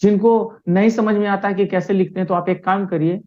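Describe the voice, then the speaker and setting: A man's voice: high voice, fairly even intonation, brisk. Patient teacher man on a lo-fi video call. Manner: patient, keeps checking understanding. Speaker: primary school teacher. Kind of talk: online class lesson.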